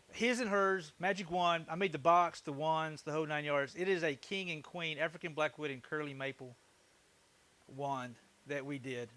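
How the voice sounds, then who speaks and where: A man with a Southern US drawl hosts a woodworking livestream in an easygoing, folksy way. His voice sits a little high and rings bright and forward. He talks to his viewers like old friends. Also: dry recording. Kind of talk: casual livestream chat while working.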